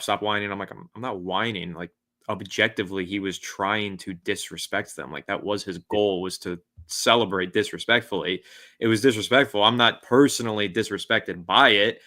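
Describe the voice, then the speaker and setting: A man's voice: lowish voice, sharp tone. A man co-hosting a casual sports podcast, giving blunt, opinionated takes. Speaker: podcast co-host.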